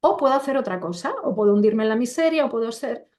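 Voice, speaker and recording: Over a computer video call, a middle-aged woman talks as a coach and interview guest in a relaxed, conversational exchange. Her darkish, higher-leaning voice moves quickly with lively intonation; she's emphatic, loaded with rhetorical questions, and acts out quoted voices as she explains.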